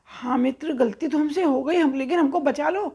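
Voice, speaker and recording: A woman voicing a calm male pigeon leader who admits a mistake and gives orders to his flock in a children's story. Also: high-pitched, moderate pace. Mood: apologetic. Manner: reassuring, giving orders.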